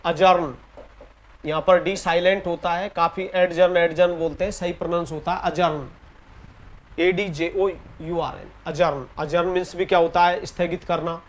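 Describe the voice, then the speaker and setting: A man with an Indian English accent teaching an exam-prep grammar lesson in Hindi. He reads the English example sentences slowly and deliberately and often repeats key words. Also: fairly high pitch, steady tone. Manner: repeats key words and ends points with "theek hai".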